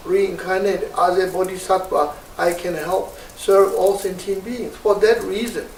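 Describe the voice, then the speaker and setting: Male meditation teacher, very unhurried and halting, gravelly tone, recorded from across a reverberant room. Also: high voice, darkish tone, a little hiss or hum. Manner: slow, halting, searching for words; calls out meditation syllables sharply. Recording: roomy, distant mic, faint ambience.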